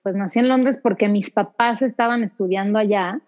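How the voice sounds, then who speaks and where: A woman's voice: mid-range voice, moderate pace, a little mellow. Chatty Mexico City woman, lo-fi sound. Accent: Mexico City Spanish. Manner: chatty, many restarts and fillers. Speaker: interview guest, actress. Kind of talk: casual interview conversation. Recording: dull lo-fi sound.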